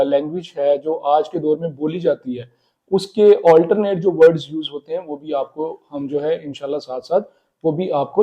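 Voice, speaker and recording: Guy teaching chinese sounds, slightly high voice, muffled lo-fi audio, slow patient explaining. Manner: explanatory, repeats words slowly for pronunciation. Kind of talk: casual spoken lesson.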